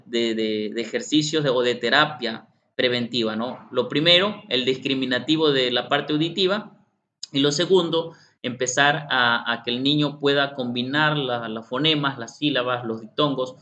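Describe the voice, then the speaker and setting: A man's voice: mid-range voice, pushed and bright. A middle-aged man presenting a workshop, often repeating himself and speaking directly to participants. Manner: repeats himself, addresses participants directly, acts out children's voices. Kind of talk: online workshop lecture. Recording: slightly muffled, faint background hum.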